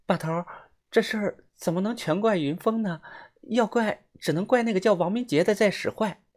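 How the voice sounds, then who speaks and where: A man's voice: high voice, moderate pace, pitched above the performer's own voice, close to an everyday voice. A man voicing an earnest young male friend in an audiobook. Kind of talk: audiobook character voice.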